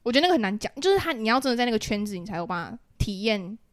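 Female guest, twenties, Taiwanese Mandarin accent, fast and animated, excitable casual chatter that repeats itself. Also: on the high side. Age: 20s. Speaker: guest, graduate student intern. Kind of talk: casual chat.

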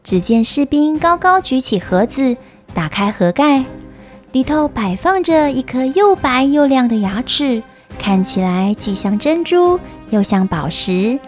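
A woman narrating a scripted children's story in an expressive, careful storytelling manner. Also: sits high, unhurried, soft background music.

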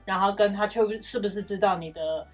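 A woman's voice: mid-range voice, fast talker, over loud music. A woman co-hosting a casual chat, explaining practical advice step by step. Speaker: podcast co-host.

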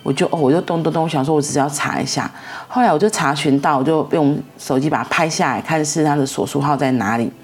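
Low husky woman rambling through a story. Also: fast. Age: middle-aged. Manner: rambling, reenacts dialogue, repeats herself. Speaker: vlogger. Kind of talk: casual storytelling monologue.

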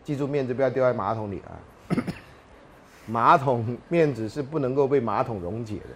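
A man's voice: medium pitch, moderate pace, fairly bright tone, a little hiss or hum. A man lecturing a university class, telling jokes and anecdotes and often laughing mid-sentence.

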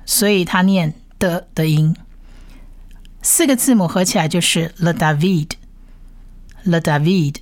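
Slow patient lady teacher going letter by letter, repeats every sound, lowish voice, dry close mic. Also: no room sound. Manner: patient, repeats each sound several times, drawn out. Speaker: Bible Hebrew teacher. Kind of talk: slow step-by-step reading lesson.

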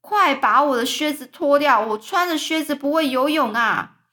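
A woman voicing a loud, excitable male centipede in a storybook reading, shouting and agitated. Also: very high voice, fairly quick, pitched above the performer's own voice, full character voice. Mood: excited.

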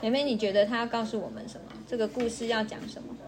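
A woman's voice: fairly high pitch, fairly even intonation, fast, noisy background. A woman reading fables aloud to a young child in a sing-song, coaxing way, stopping to ask the child questions.

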